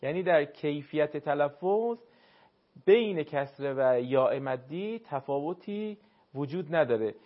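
A man teaching Quran recitation to a caller, courteous and explanatory, sounding words out slowly to demonstrate. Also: on the high side, animated, narrow, tinny audio. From northern Iran. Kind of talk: call-in recitation lesson.

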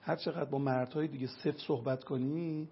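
A man's voice: on the high side, creaky, dull audio, over a noisy crowd. A man giving a religious talk, telling anecdotes and acting out the people in them. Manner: acts out quoted people with lively voice changes. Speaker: religious speaker.

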